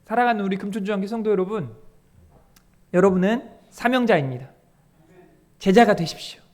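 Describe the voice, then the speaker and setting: A man's voice: sits high, a little fast. A male pastor delivering a Sunday sermon, speaking directly to his congregation and acting out the voices of the people in his stories. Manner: lively preaching that acts out quoted voices of congregants and the Lord.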